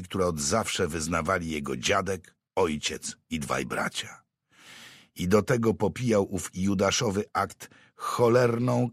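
A male audiobook narrator with an exceptionally deep voice and a breathy, husky grain. He reads in a steady, measured storytelling manner. The sound is dry and close, with no room around it. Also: no echo. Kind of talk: scripted narration.

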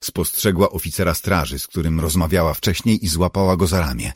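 This scripted audiobook narration comes from a man whose voice is very low and husky. His storytelling is steady and measured, and the recording is dry and close-miked, without any room echo.

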